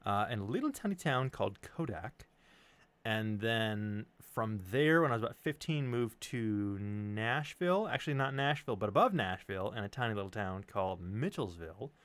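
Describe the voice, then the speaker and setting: A man with a neutral American accent, from the Chicago suburbs and Tennessee in the United States, speaks at a moderate pace in a voice on the low side, with no echo. He tells personal stories in casual chat, animated and joking, rambling off on tangents and swearing some.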